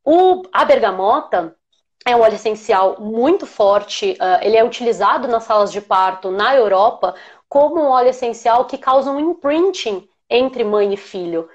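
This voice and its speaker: A woman with a Brazilian Portuguese accent, an aromatherapist hosting a live chat, talking in an animated, emotional way. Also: on the high side, normal speed, muffled recording. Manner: animated, emotional, laughs while telling. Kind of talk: casual live chat storytelling.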